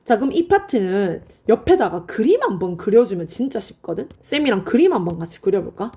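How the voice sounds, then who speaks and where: A woman teaching high school literature in an online lecture, explaining in a friendly, chatty way and answering her own questions. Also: very animated, fairly quick, mellow, husky. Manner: asks students questions and answers them herself.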